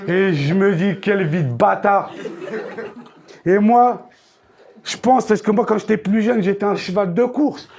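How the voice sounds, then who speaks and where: Man, stand-up comedian, high voice, gravelly, crude slangy storytelling, bursts of shouting, stage mic. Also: a little slow, long pauses, a little hiss or hum. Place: theater stage.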